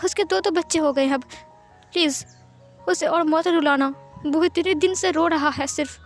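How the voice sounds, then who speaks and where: A woman's voice: high voice, normal speed, faint music behind, voice pushed up. A woman playing a doting, stammering mother. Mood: stern. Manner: stammering in worry, tearful.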